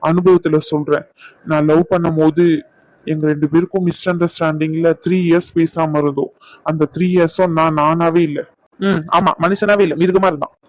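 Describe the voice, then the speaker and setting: A man voicing a blunt, lecturing doctor in an animated drama. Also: fairly high pitch, moderate pace, no room sound, highs cut off, natural voice. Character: adult male doctor giving blunt advice.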